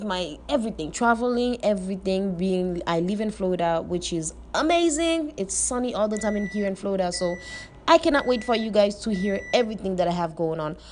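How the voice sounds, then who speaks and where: A woman's voice: medium pitch, darkish tone. A woman in her twenties hosting her own podcast, talking casually and chattily in loose grammar and repeating herself. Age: 20s. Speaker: podcast host. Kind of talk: casual solo monologue. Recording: noisy background.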